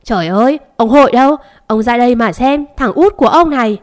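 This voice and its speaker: Shrill bullying stepmother in an audio ghost story, a woman reading her; loud and melodramatic. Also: expressive, fairly quick, close to an everyday voice. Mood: shrill, threatening. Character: domineering stepmother, older woman, shrill and threatening.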